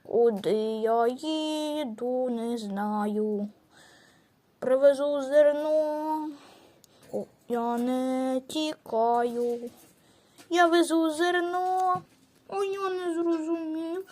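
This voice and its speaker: A woman's voice: high voice, very slow, darkish tone. A woman voicing a cheerful little male hero who hauls grain, telling a playful children's toy story with sing-song sound effects. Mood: puzzled.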